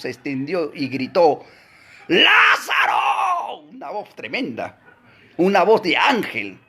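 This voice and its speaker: A man teaching a Bible class, preaching emphatically with rhetorical questions to his listeners, swinging between loud exclamations and low asides. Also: breathy edge.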